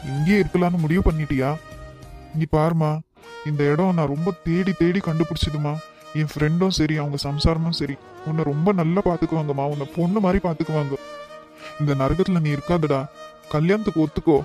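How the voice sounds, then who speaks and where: A man voicing a worried, affectionate father in a cartoon, talking to his daughter in a soft, pleading way. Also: a little high, fairly even intonation, a little fast, soft background music, natural voice. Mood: tender.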